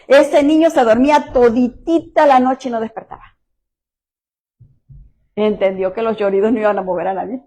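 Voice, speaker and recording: A woman's voice: fairly high pitch, steady tone, normal speed, pauses often, dark tone. A middle-aged woman pastor, preaching a sermon and telling personal stories in a conversational way that speaks directly to the listeners.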